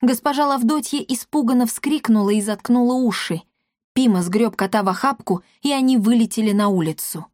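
A woman narrating a children's audiobook with lively storytelling. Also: on the high side, fairly quick, dry recording, studio quality.

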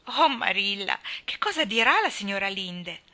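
A woman voicing a lively, earnest teenage girl. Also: medium pitch, moderate pace. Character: imaginative, impulsive red-haired teenage girl.

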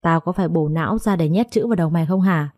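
A woman's voice: fairly low pitch, fast, warm tone, dry recording, studio quality, lightly acted. A woman voicing a blunt, exasperated young male surgeon in an audiobook story.

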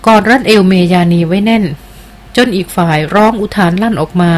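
A woman reads an adventure novel aloud in a steady, even storytelling delivery. Her voice sits at a middle pitch for a woman. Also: normal speed. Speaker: audiobook narrator. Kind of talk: scripted novel narration.

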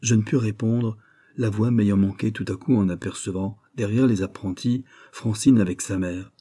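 With a mellow, slightly low voice carrying a touch of huskiness, this male narrator performs a literary tale. His delivery is measured and expressive, as in an audiobook reading.

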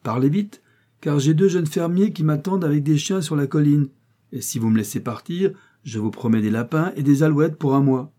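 A friendly young country gentleman talks in a hurry, eager to be off, as a man voices him in a reading. The voice is warm and dark, in storybook style. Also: fairly high pitch, pitched above the performer's own voice, close to an everyday voice. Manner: hurried and friendly.

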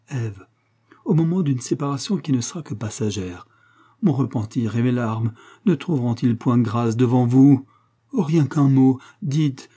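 A man's voice: medium pitch, dark tone, husky, pitched above the performer's own voice. A man reading aloud who voices a passionate young duke, pleading fervently with his beloved. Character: impassioned, impatient young duke, a repentant lover.

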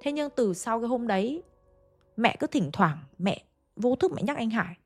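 A woman's voice: fairly high pitch, lively intonation, moderate pace. A woman telling a ghost story in a chatty, conversational way, often speaking straight to her listeners. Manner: chatty, addresses listeners directly. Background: faint background music.

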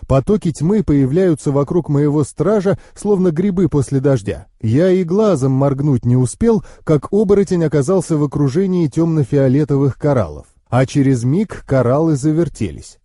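A man reading a fantasy audiobook in the first person, with steady, expressive storytelling. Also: a little high, normal speed, hardly any pauses, no echo, studio quality. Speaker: audiobook narrator.

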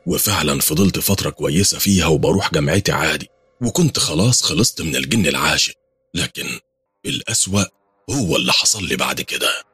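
A man with an Egyptian accent narrating a first-person horror story, telling it fast and lively. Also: a bass voice, breathy edge, no echo. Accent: Egyptian Arabic.

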